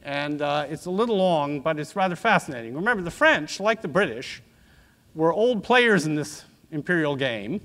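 A man in his sixties giving an academic lecture in a measured, discursive professorial manner with asides. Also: a little high, animated, a bit bright. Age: 60s. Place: auditorium stage at a lectern, indoors.

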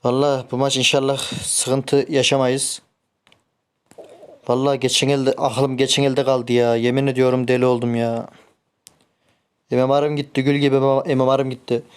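Male streamer, chatty and hot-headed, mid-pitched, talks through his match. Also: normal speed, smooth. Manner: excitable, swears and grumbles at teammates. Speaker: gameplay streamer. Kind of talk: casual live game commentary.

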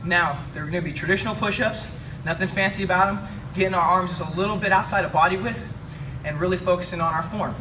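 Lifting in a weight room, a young man coaches a chest workout energetically, explaining the moves in a high, fast voice as workout instruction. A camera mic a few feet away records him, so the audio sounds distant with room noise.

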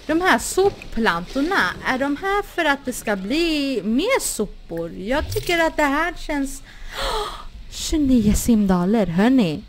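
A woman's voice: fairly high pitch, slight background noise. A woman hosting a gaming channel, chatting casually through a life-sim game, often exclaiming and talking to her characters. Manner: chatty, exclaims and laughs, talks to her sims. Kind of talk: casual Let's Play commentary.

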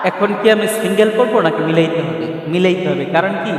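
A man's voice: sits high, expressive, quick pace. A man teaching Quran reading step by step, asking questions and answering them himself, spelling out letters in a chanting sing-song. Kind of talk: step-by-step recitation lesson. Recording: echoey hall, mic far off.

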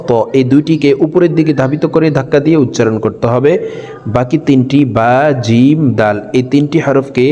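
A man teaching Quran reading, spelling out letter sounds in slow, drawn-out drills and addressing his viewers directly. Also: medium pitch, dark tone, long reverb tail. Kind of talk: spelling and recitation lesson.

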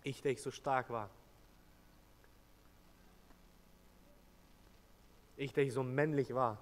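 A man's voice: medium pitch, lightly acted. A man preaching as a remorseful apostle, speaking earnestly in first person with emotional swells in a church. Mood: anguished. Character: remorseful adult male apostle recounting his denial. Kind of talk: first-person dramatic sermon monologue. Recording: long church reverb.

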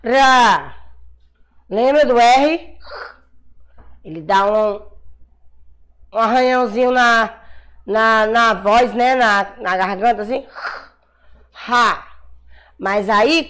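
A Brazilian woman teaching a class of young children, sounding out syllables slowly and patiently, calling herself auntie and praising often. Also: fairly high pitch, fairly bright tone. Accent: Brazilian Portuguese. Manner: calls herself "tia", encouraging praise. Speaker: primary school teacher. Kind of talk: slow dictation-style class for young children.

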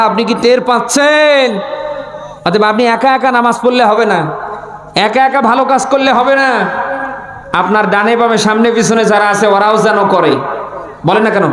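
A high-voiced man delivers an impassioned sermon. He exhorts his listeners, repeating phrases for emphasis and putting questions to them. The sound is heavily echoing, as if amplified in a big reverberant space. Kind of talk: impassioned sermon addressed to a gathering, with call-and-response questions.

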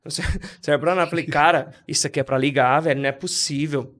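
A man's voice: on the high side, fairly even intonation, quick pace, a bit bright. A man on a podcast, chatting casually and stating strong opinions with emphasis, often acting out what others say. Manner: emphatic, opinionated, acts out quoted dialogue. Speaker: podcast co-host. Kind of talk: casual chat.

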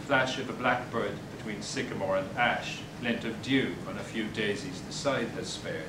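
Standing at a bookstore podium, an older male poet reads his poems and adds spoken asides, halting and hesitant between pieces with plenty of fillers and restarts. The audio comes from a distant camera mic, so the room echoes and a rumble sits underneath.

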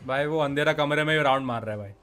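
A man's voice: medium pitch, fast, a bit bright, faint music behind. A man in a gaming group, calling out where the enemy is and telling teammates what to do. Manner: calls out enemy locations, keeps saying bro. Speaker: teammate in an online game. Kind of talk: casual gaming chat.

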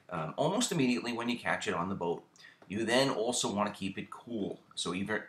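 Relaxed and casual, a middle-aged fishing-channel host talks viewers through a how-to, filling his speech with ums and repeating words. He has a lowish voice, and the sound is reverberant.

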